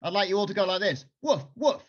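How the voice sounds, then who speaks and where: A man's voice: high-pitched, steady tone, racing, lo-fi sound, very noisy. A man, a children's author, talking casually on a video call and performing his own songs and raps at a piano. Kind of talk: casual talk with singing and rapping. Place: at a piano, home. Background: piano music.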